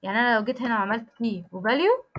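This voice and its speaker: A young Egyptian woman runs an online coding lesson, her voice set a little high and her words coming quickly. She breaks off and restarts phrases as she works through the code, pausing often to ask whether everyone has it. It sounds like a plain computer mic on a video call. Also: very animated, a bit bright. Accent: Egyptian Arabic. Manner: explains step by step, checks in with students often; frequent restarts and self-corrections while typing code. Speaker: programming instructor.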